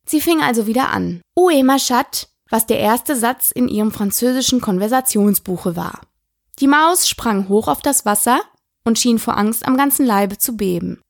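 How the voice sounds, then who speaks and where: A woman narrating a storybook in an even, measured reading. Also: on the high side, vocal fry, dry recording, clean studio sound. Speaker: audiobook narrator.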